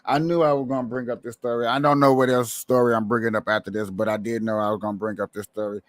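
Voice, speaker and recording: Male streamer, average pitch, informal and opinionated, hammers points through repetition, very little room sound. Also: little pitch movement, quick pace, no echo, clean studio sound. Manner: opinionated, colloquial, repeats phrases for emphasis. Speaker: livestream host. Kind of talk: casual political commentary to viewers.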